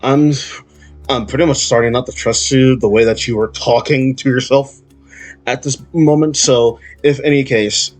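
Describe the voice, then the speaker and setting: A man's voice: medium pitch, fairly even intonation, normal speed, soft background music, lightly acted, low-quality recording. A man voicing a blunt, skeptical adventurer who distrusts a stranger. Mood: warning. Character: wary, blunt male adventurer named Drift.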